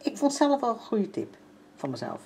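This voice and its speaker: A woman's voice: fairly high pitch, wildly swooping pitch, brisk, vocal fry, mellow, slight background noise. An older woman from the Netherlands chatting casually in a home vlog, with plenty of fillers as she walks through her sewing and cooking. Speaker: vlogger. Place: home interior.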